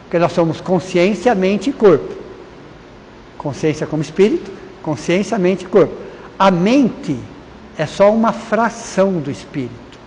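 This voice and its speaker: A man's voice: high voice, lively intonation, moderate pace, darkish tone. A Brazilian man giving an informal lecture to a live class, chatty and repeating key words, often quizzing the audience. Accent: Brazilian Portuguese. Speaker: lecturer at a spiritist course. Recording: reverberant hall with faint noise.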